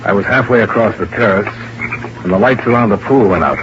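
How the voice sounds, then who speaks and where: A hard-boiled radio private eye with a low, deep voice. His narration is terse and clipped, like a vintage radio drama. It comes through a muffled old broadcast with steady hiss. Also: fairly quick. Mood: tense. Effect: old-time radio broadcast. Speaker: insurance investigator and narrator. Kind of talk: 1950s radio drama acting.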